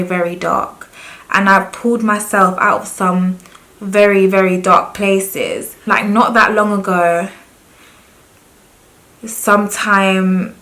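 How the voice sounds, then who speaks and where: A woman's voice: mid-range voice, bright, forceful tone, rough recording. A young woman talking candidly and earnestly to camera in a personal confessional vlog. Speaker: vlogger.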